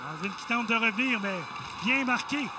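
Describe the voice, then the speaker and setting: A woman with a Quebec French accent giving excited live hockey play-by-play, in clipped phrases that rise to shouts on big plays. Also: a little high, normal speed. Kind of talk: excited live sports commentary. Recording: loud arena noise behind voice. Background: hockey arena ambience.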